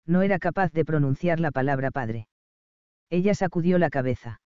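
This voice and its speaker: A man reading a novel aloud as an audiobook narrator, in an even, measured way. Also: a little high, clean tone, dry recording, muffled recording.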